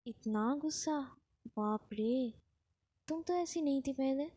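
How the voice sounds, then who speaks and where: A woman's voice: high-pitched, slow, mellow. A woman doing a teasing, taunting ex-girlfriend. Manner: playful, taunting tone. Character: teasing, pushy young woman ex-lover.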